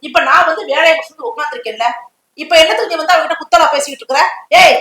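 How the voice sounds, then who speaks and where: A high, bright, fast voice of a quarrelsome older housemate. She scolds and argues without pause. The room has a clear echo. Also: slight background noise. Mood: scolding. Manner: scolding, argumentative. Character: bossy older woman housemate, Sarathamma.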